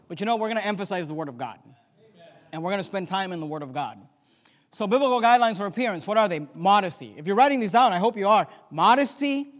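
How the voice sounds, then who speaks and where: A male pastor preaching a sermon, emphatic, swinging between loud declarations and quiet asides, and reciting scripture in old-fashioned wording. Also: high voice. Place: church sanctuary. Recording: long church hall reverb.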